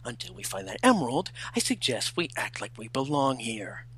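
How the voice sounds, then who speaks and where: Man reading as brooding Shadow the Hedgehog, husky edge. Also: medium pitch, sing-song, moderate pace, fairly bright tone. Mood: stern. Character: brooding, curt, haughty male hedgehog prince. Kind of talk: amateur fan fiction reading.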